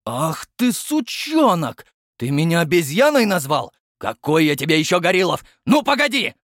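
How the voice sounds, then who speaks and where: A man's voice: on the low side, lively intonation, normal speed, no room sound. Guy doing a grumpy cop captain voice, growly and snappy, dry close sound. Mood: outraged. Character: gruff irritable police captain, middle-aged man.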